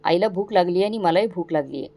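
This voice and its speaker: A woman voicing a cruel, angry young husband in a storybook tale, speaking in sharp commands. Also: fairly low pitch, quick pace, natural voice. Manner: shouting, commanding.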